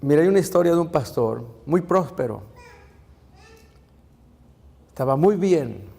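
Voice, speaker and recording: A man's voice: fairly high pitch, lively intonation, unhurried, creaky, warm tone, long reverb tail. A man, a pastor, preaching a sermon, asking rhetorical questions and calling out to the congregation.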